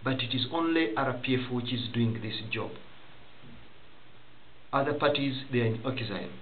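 Halting young man, tinny lo-fi webcam audio. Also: mid-range voice, a little hiss or hum. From Rwanda. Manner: halting, many restarts and repeated phrases. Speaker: political commentator. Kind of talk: direct-to-camera commentary. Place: small office room indoors.

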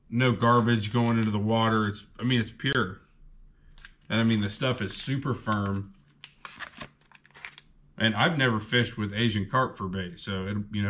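His voice runs on the low side but has a fairly bright tone. The young man hosts a fishing channel, showing off gear in a casual haul video, chatting in a relaxed way and rambling a bit with fillers.

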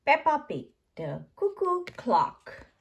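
A woman reading a children's storybook aloud slowly and clearly, with an expressive, sing-song delivery. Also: high-pitched. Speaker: storybook reader.

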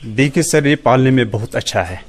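A man's voice: medium pitch, lively intonation, moderate pace, slight background noise. A middle-aged man with a Kashmiri accent, a rabbit farm worker answering interview questions plainly and practically, recorded on a handheld mic in a large shed. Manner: plain, practical explaining with many polite "ji sir" replies. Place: large open-sided rabbit shed, indoors. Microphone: handheld reporter mic held near mouth.

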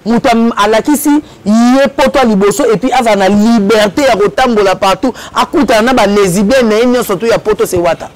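A man's voice: high-pitched, brisk, hardly any pauses. A man animatedly telling a story as a guest in a casual interview. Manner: lively, switches between Lingala and French.

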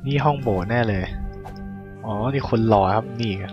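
A man giving casual let's-play commentary on a video game, excitable and full of sudden exclamations. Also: medium pitch, moderate pace, highs cut off, over music. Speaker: gaming caster.

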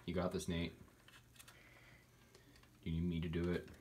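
Deep-voiced joking guy. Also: monotone, moderate pace, mellow, a little hiss or hum. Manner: jokey, mock-serious. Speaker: co-host testing things in a crimper. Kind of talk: casual chat while filming.

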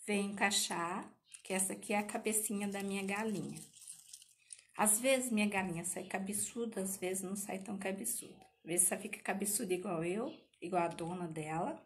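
Woman over fifty, craft teacher, chatty, keeps asking viewers "okay?", middle-pitched voice. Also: moderate pace. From Paraná, Brazil. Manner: chatty, emotional, speaks to viewers with many tag questions. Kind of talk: live craft tutorial.

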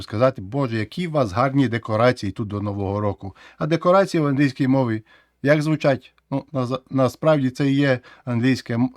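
A man with a Ukrainian accent gives a casual English lesson at a middle pitch. He explains patiently and repeats each word several times so learners can practise. The sound is dry and close, with no room echo. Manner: explains slowly, repeats words for drill. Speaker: English teacher.

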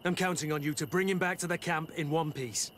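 An actor playing a seasoned, principled and indignant guard captain in a video game. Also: male voice, on the high side, fairly even intonation, brisk, fairly bright tone, lightly acted. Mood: firm, bitter. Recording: faint background noise.

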